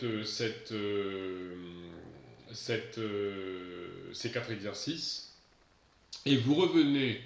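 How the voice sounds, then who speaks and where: A French-speaking male English teacher explaining exercises, switching between French and slow, stressed English examples. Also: medium pitch, fairly bright tone. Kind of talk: recorded video lesson. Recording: echoey room, dull lo-fi sound.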